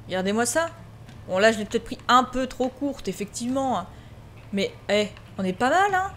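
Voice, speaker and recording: A woman's voice: on the high side, expressive, normal speed, a bit bright, a little hiss or hum. Chatty woman gaming host. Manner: chatty, talks straight to viewers, reads game prompts aloud. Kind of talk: casual let's-play commentary.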